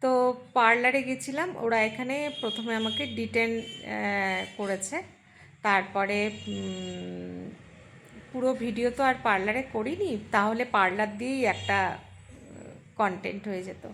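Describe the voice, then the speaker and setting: A middle-aged woman with a hoarse voice chatting casually and haltingly as she narrates a vlog. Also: medium pitch, a bit bright, a little hiss or hum. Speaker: vlogger.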